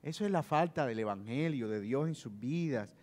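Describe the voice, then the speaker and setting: A man's voice: mid-range voice, lively intonation, normal speed, darkish tone. A male preacher giving a sermon, telling a story and speaking straight to his listeners. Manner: storytelling, addresses listeners directly. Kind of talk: sermon with acted dramatization.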